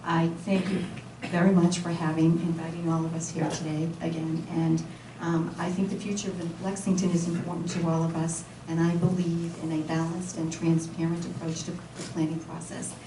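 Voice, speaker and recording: A woman with a lowish voice gives a measured, gracious candidate speech, and her intonation stays flat throughout. She is heard from a distance in an echoing room, with clear background noise. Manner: gracious, measured, level delivery. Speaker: candidate for planning board. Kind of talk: candidate speech at a public forum. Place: community meeting room. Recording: echoey hall, mic far off, noisy.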